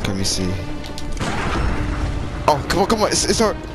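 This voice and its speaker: A man giving casual gameplay commentary as a streamer, agitated and frustrated, swearing and rapidly repeating short phrases. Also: a little high, big pitch swings, over loud music. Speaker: gamer streamer.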